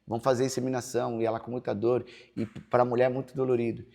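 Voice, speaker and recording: Male pastor, Brazilian accent, earnest preaching testimony, gravelly voice. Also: mid-range voice, level tone, fast, darkish tone. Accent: Brazilian Portuguese. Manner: earnest, preachy, acts out quoted dialogue. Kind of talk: personal testimony in a podcast interview.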